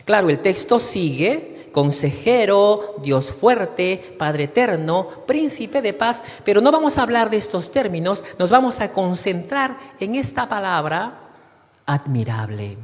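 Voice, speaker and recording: A man preaches slowly and deliberately, his pitch rising and falling with lively emphasis. He reads scripture and speaks to the congregation as brothers. His voice rings out with a long reverb in a church hall. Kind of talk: sermon.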